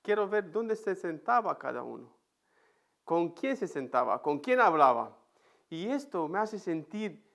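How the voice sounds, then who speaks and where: A high-pitched man with an accent from Spain preaches in an empty church. He leans into his story with a voice that leaps up and down. He is a vivid, animated storyteller. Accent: Spain Spanish. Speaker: pastor. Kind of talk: sermon with personal storytelling.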